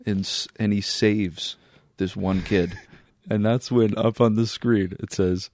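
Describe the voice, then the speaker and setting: A man co-hosting a podcast in casual comedic chat, joking and laughing as he pitches absurd ideas. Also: fairly even intonation, slow pace, a little mellow, no echo, studio quality. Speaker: podcast co-host.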